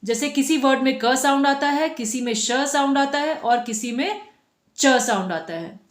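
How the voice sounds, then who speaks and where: A woman with a high voice teaches children phonics at a normal speed, patiently sounding out letters one at a time and asking the class questions. The room is echoey.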